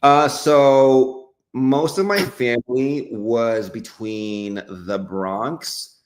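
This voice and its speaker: A young adult man from the Dominican Republic, a life and business coach, talking earnestly and upbeat with fillers and soft laughs in an interview. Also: medium pitch, drawn-out words. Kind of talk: casual interview conversation.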